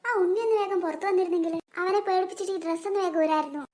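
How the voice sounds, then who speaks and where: A woman's voice: extremely high pitch, steady tone, very fast, mellow. A woman voicing a scheming young boy in a monster costume for a cartoon, plotting and grumbling. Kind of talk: cartoon voice acting.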